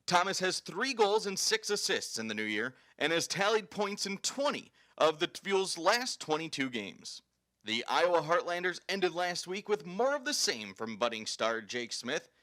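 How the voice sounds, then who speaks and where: Bright, forceful male sports highlight host. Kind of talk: scripted sports highlight narration.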